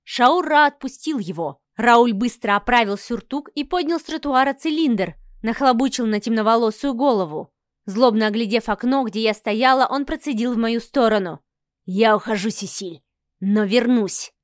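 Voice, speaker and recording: A woman narrating a first-person novel in a measured, expressive reading. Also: fairly high pitch, dry recording, studio quality. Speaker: audiobook narrator.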